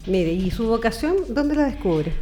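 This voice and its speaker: A Chilean woman hosts a radio program, interviewing in a chatty, friendly, informal way. Her voice is fairly high with big swings in pitch, a dark tone, and normal speed. Background music plays as a bed under her voice.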